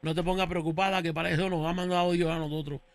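A man's voice: on the high side, flat delivery, fast, smooth, dry recording, close to an everyday voice. A man playing a grandiose male faith healer in a comedy radio sketch, calling everyone brother and sister and chanting incantations. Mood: soothing.

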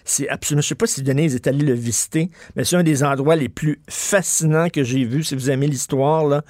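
A man's voice: on the high side, fairly quick, darkish tone, no echo, clean studio sound. A man hosting a talk radio show, giving emphatic, opinionated commentary. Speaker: radio host.

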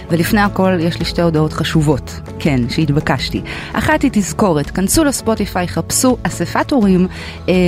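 A woman hosting a parenting podcast, gently prompting her guest with short questions. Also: lowish voice. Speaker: podcast host. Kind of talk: podcast interview.

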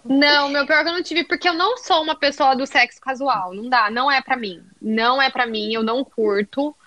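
A Brazilian woman co-hosting a casual podcast, reflective and quick to laugh. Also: high-pitched, bright, forceful tone, no echo. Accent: Brazilian Portuguese.

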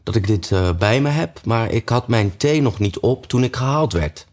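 A man's voice: medium pitch, lively intonation, moderate pace, a little mellow, lightly acted. A man voicing a rattled male hatter on the witness stand who rambles and stumbles over his words. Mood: flustered. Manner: hesitant, stumbling with fillers.

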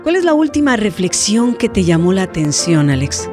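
A woman's voice: medium pitch, sing-song, normal speed. Lady hosting an interview, lots of "sí", music bed behind her. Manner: warm encouraging listener, short affirmations. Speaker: host. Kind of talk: casual interview.

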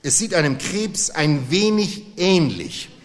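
A man voicing a kind, patient father who speaks softly and gently to his son, read aloud on stage. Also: fairly high pitch, animated, slow pace, long reverb tail. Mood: gentle. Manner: gentle and soft-spoken.

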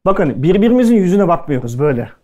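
Speaking at a culinary event, a man from Türkiye tells stories to a live audience in a loose, chatty way, talking fast in a sing-song, slightly mellow voice. His pitch is a little high for a man, and he keeps slipping into the voices of the people he quotes.

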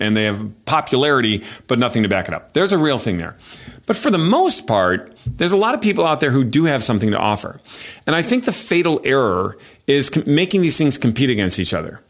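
Male podcast host, mid pitch, animated, emphatic, faith advice talk.

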